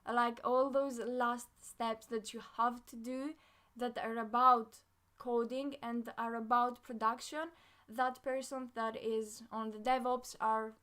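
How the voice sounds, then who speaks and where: A woman's voice: a little high, flat delivery, slow, fairly bright tone. A young woman from Greece hosting a casual live-stream Q&A on coding, chatting with lots of fillers and reading viewer comments aloud. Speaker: live Q&A host, front-end developer.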